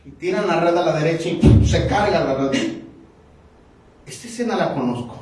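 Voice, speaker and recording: A man's voice: on the high side, moderate pace, darkish tone, faint music behind. A man preaching an impassioned sermon, acting out the voices of the people in his story. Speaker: pastor. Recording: echoey hall, mic at a distance.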